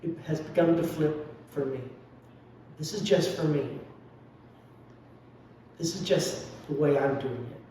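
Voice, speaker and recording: A man's voice: fairly high pitch, unhurried, pauses often, mellow, slight background noise. A man giving a dharma talk as a lay Buddhist speaker, reflective and confessional with wry humor. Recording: very echoey hall, mic at a distance.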